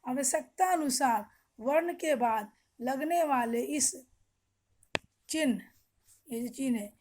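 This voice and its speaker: A woman's voice: high-pitched, a little mellow, a little hiss or hum. A middle-aged woman teacher giving an online class, explaining patiently, repeating questions and checking with the children. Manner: explains slowly, repeats questions, frequent "ठीक है".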